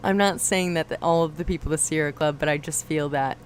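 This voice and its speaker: Woman, livestream host, relaxed chat, lowish voice, reads comments aloud. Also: quick pace, slight background noise.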